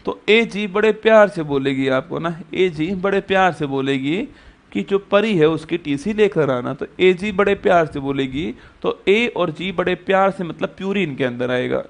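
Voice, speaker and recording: Male coaching teacher with a high voice, repetitive, quizzing style. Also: moderate pace, vocal fry, few pauses. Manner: repetitive, quizzes students with rhetorical questions. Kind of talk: exam-prep classroom lecture.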